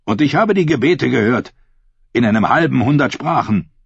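A man's voice: medium pitch, lively intonation, normal speed, creaky, husky, no echo, pitched above the performer's own voice. A man doing a smug, mocking pirate king. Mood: taunting. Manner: silky, taunting, amused. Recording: dull lo-fi recording.

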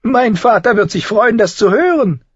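Man putting on a raised high voice, sardonic small nobleman, cool and mocking, husky, slightly dull audio. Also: animated, moderate pace, dry recording.

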